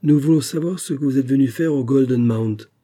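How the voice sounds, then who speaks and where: A man reading an audiobook and voicing a hostile Texan gang leader in a raised, loud, confrontational tone. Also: mid-range voice, fairly quick, breathy edge, pitched above the performer's own voice, lightly acted. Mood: threatening.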